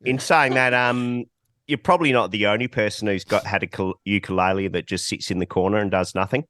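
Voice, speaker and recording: Male co-host, low voice, dry wisecracks, chuckles, dead dry sound. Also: fairly even intonation, brisk, a bit bright, no room sound. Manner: dry quips, chuckling asides. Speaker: podcast co-host. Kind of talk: casual chat.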